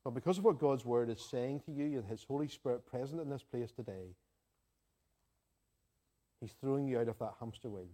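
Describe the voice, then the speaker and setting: Mellow Northern Irish preacher man. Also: medium pitch, a little fast, long pauses. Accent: Northern Irish, Ulster. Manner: earnest, conversational, repeats phrases for emphasis. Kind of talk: sermon to a congregation, with homely anecdotes and prayer.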